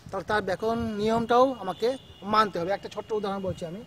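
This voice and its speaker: A man's voice: sits high, fairly even intonation, quick pace, background noise. A male school teacher, teaching a grammar lesson step by step and often checking in with his students. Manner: explains step by step, checks in with "ঠিক আছে?".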